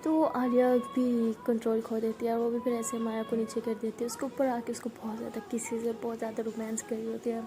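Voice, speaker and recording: A woman's voice: a little high, completely flat delivery, a little fast, few pauses. A woman casually telling a love story, chatty and acting out the dialogue.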